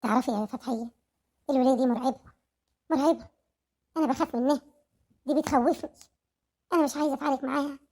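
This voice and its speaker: A woman's voice: on the high side, quick pace, long pauses, warm tone, slightly rough. A woman voicing a scared young wife who pleads and repeats herself, with an Egyptian accent. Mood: frightened.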